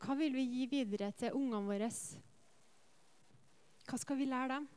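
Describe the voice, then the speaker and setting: A woman preaches with a smooth, clear voice set a little high. She is earnest, tells lively personal stories, and puts rhetorical questions to her congregation. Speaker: preacher and worship leader. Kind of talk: sermon.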